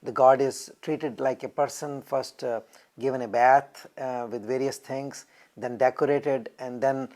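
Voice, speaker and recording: A man with an Indian English accent speaks in a documentary interview. He explains things carefully, pausing often on fillers. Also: mid-range voice, fairly even intonation, a little mellow. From New Delhi, India. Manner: measured explanation with frequent fillers. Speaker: temple member.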